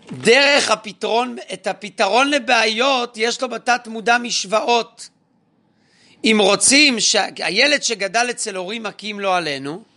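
High, bright-voiced man lecturing as a rabbi. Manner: animated, asks the audience rhetorical questions and acts out parents; addresses listeners directly with advice. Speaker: rabbi giving a talk. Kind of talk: spoken religious lecture on parenting.

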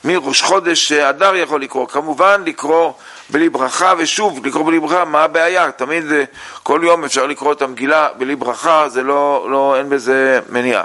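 A man teaching a lesson on religious law, reading sources aloud and explaining them with many pauses and fillers. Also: a little high, pushed and bright. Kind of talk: halakha lesson.

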